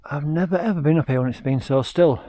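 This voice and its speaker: A man's voice: fairly high pitch, fast, warm tone, dry recording. A British man vlogging casually while out running on open hills, talking in a wry, self-deprecating way with dry understatement. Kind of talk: casual vlog chat to camera. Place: outdoors on open moorland hills.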